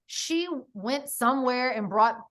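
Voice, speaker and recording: Speaking at a measured pace, this podcast guest, a middle-aged woman from the United States, has a fairly high, animated, slightly bright voice. She tells her stories with emphasis in a casual conversation, using "like" and "right?" a lot.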